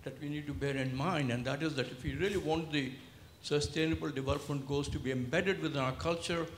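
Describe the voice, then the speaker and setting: A man's voice: a little high, fairly even intonation, fairly quick. A man from the audience making a formal, articulate point to a panel. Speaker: audience member asking a question. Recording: roomy with faint noise.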